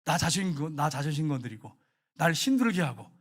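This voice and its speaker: A man preaching a sermon in a church, telling a lively story, acting out the quoted lines and chuckling along the way. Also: fairly high pitch, a little fast. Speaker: pastor. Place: church sanctuary.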